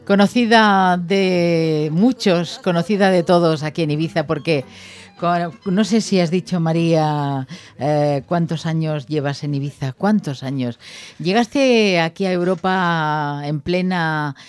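A woman's voice: on the low side, unhurried, darkish tone, faint music behind. A woman hosting a radio interview, prompting her guest and finishing her sentences.

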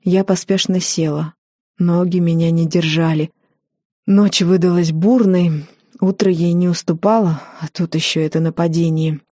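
A woman narrating a first-person audiobook in a wry, lively storytelling manner. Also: lowish voice, moderate pace, dry recording, studio quality.

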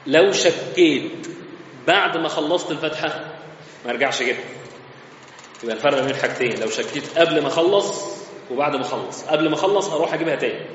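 Fast-talking Egyptian man teaching in an echoey mosque. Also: on the high side, a little hiss or hum. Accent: Egyptian Arabic. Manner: explains step by step, conversational. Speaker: religious teacher. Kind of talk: mosque lesson. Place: large mosque hall. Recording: echoey mosque hall, slightly muffled.

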